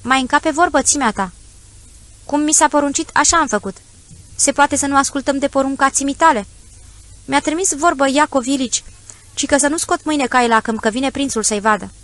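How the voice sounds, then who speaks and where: A woman's voice: sits high, a bit bright, dry recording, pitched above the performer's own voice. A woman voicing an obsequious, shifty male peasant of about thirty, fawning and evasive in an audiobook story.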